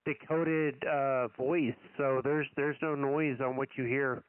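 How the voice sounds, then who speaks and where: A man's voice: mid-range voice, steady tone, slow, clear, resonant tone, no echo. A man, an amateur radio operator, chatting casually over a radio transmission. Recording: dry, phone-like narrowband radio audio.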